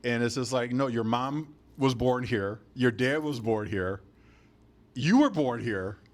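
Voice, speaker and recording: A man's voice: mid-range voice, animated, a little slow. A man from Chicago hosts a podcast interview at a museum, talking in an easygoing, conversational way. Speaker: podcast host. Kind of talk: casual interview chat. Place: museum near a university campus.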